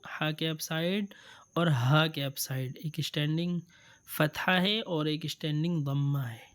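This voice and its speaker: Smooth-voiced man teaching letters slowly. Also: a little high, steady tone, fairly bright tone. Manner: drawls letters and words slowly, then explains quickly; patient, repeats sounds for the learner. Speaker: Quran reading teacher. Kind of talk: step-by-step reading lesson.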